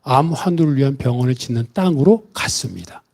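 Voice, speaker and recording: A man's voice: medium pitch, lively intonation, a little fast, gravelly, a little mellow. A male pastor preaching a Sunday sermon, telling a story and acting out the voices of the people in it.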